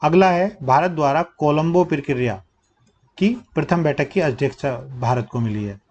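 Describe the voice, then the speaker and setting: A young man teaching current affairs for exam prep, asking questions and answering them himself, dropping low to stress key facts while he writes with a pen. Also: lively intonation, normal speed, a little mellow, muffled recording.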